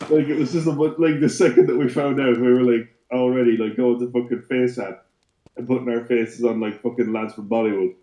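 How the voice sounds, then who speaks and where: A young man with a mellow, darker voice swears freely in a casual podcast chat. He is goofy and quick with jokes. The recording is echoey. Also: medium pitch, fairly even intonation. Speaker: podcast co-host. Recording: echoey room.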